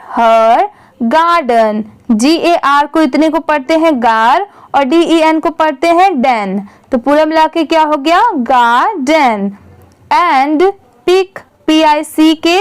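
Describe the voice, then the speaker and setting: A woman teaching English reading, spelling words out letter by letter and answering her own questions patiently. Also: sits high. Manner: patient, asks questions and answers them herself; reads English sentences very slowly, word by word.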